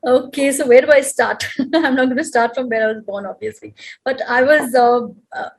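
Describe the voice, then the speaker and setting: A middle-aged woman from India speaks on a video call, in a husky voice pitched a little high. She chats freely, with plenty of fillers and restarts. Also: steady tone, moderate pace, low-quality recording. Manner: chatty, with many fillers and restarts. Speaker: guest speaker.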